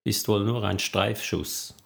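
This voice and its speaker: A man reading a gruff, dry cop. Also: lowish voice, fairly even intonation, takes it slowly. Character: blunt, dry-humored male police detective.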